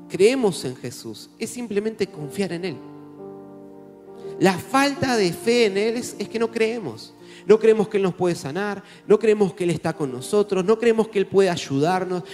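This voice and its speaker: A man with a Rioplatense Spanish accent, preaching a sermon as pastor in an animated, conversational way with jokes. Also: sits high. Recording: echoey hall with faint music.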